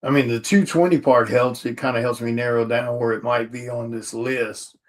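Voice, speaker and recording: A man's voice: mid-range voice, steady tone, moderate pace. A tired man talks casually on a livestream as he works through a stack of orders. He mutters item names to himself between loose, chatty asides. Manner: mutters to himself while reading out order items. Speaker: comic artist streaming while packing orders.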